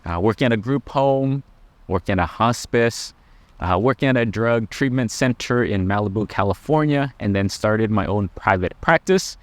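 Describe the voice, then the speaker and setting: A middle-aged man who is a Buddhist monk, talking gently and earnestly to camera about life lessons, with frequent pauses. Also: fairly low pitch, animated, no echo. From Laos. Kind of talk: personal reflective talk to camera.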